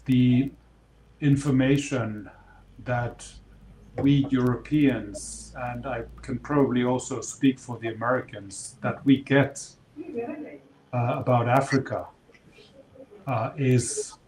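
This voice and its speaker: A man in his fifties from Kenya, answering interview questions in a measured, reflective way with some fillers and restarts. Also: medium pitch. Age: 50s. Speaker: interview guest. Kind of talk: casual interview conversation. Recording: noisy background.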